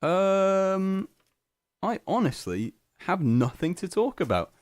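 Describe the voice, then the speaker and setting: A man's voice: medium pitch, animated, normal speed, dry recording. A young man hosting a student radio show alone in a small studio, chatting in a rambling, self-mocking way, full of restarts. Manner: self-deprecating, scatterbrained, lots of restarts. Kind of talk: rambling solo radio chat. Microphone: studio microphone.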